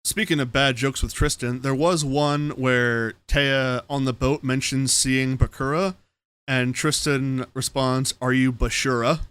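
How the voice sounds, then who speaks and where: Man, podcast co-host, deadpan humor, dry close recording. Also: medium pitch, a little slow, clear, resonant tone, no room sound. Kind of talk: casual podcast chat.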